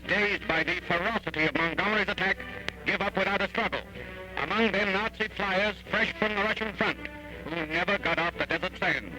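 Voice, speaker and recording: High-voiced man narrating an old newsreel. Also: low-quality recording. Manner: urgent, declamatory, dramatic. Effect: old newsreel voice-over. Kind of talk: 1940s wartime newsreel narration. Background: music.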